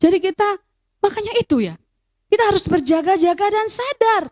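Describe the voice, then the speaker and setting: A woman's voice: very high-pitched, lively intonation, a little fast, darkish tone. A woman, telling a personal testimony in a sermon for young people and mixing in phrases as she tells the story. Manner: storytelling, drops into Javanese phrases. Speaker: youth speaker.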